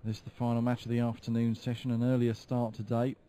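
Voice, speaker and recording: A man giving live darts commentary in a measured, explanatory way. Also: mid-range voice, monotone, dark tone, a little hiss or hum. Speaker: sports commentator.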